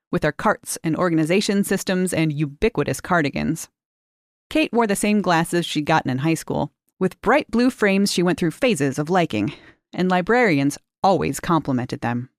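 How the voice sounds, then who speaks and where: Narrating a short story, this reader of short fiction uses a slightly low voice and a measured, expressive delivery that raises key words for emphasis. It's recorded close and dry, with no room sound.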